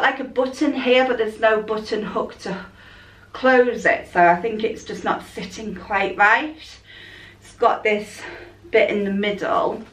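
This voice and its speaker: A woman's voice: mid-range voice, a bit bright, far from the mic. A woman chatting casually through a clothing try-on haul, rambling and thinking aloud as a fashion vlogger. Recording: echoey room, voice a bit off-mic.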